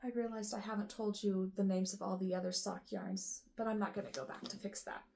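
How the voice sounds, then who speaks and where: Woman, knitting show host, casual musing, hesitant, rough morning voice, mid pitch. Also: flat delivery, fairly quick, dark tone, a little hiss or hum. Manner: musing aloud, unsure, lots of ums and trailing off. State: rough morning voice with the odd cough. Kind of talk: casual chat, sorting yarn on camera.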